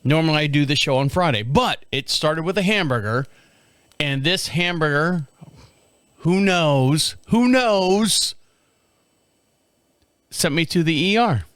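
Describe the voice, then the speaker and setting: A man's voice: a little high, animated, slow, long pauses, a bit bright, clear, resonant tone, no room sound. A man in his fifties hosting a solo podcast from a studio, rambling and repeating himself, laughing often. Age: 50s. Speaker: podcast host. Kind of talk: casual solo monologue.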